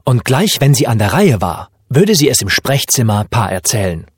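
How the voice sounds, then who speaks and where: Husky male storyteller, lively intonation. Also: mid-range voice, moderate pace, dry recording, studio quality. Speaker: narrator. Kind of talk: audiobook narration of a children's story.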